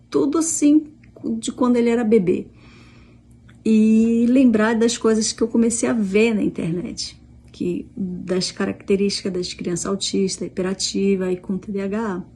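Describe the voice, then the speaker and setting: Telling a casual story, the middle-aged Brazilian vlogger, who is also a mother, recounts a conversation with plenty of quoted dialogue and restarts. Her Brazilian Portuguese accent comes through in a fairly high, husky voice with a dark tone.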